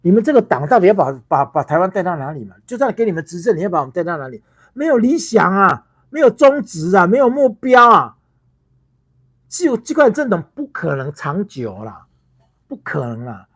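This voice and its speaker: A man's voice: sits high, sing-song, a little fast, husky. A man with a Taiwanese Mandarin accent giving heated political commentary on a livestream. He scolds in rhetorical questions and restarts often.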